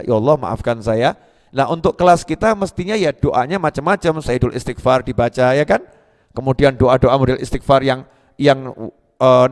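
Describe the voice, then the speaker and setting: Chatty preacher in a reverberant hall. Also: male voice, on the high side. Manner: conversational, teasing the audience, restarts words mid-syllable. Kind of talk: sermon to a live gathering. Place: religious gathering hall.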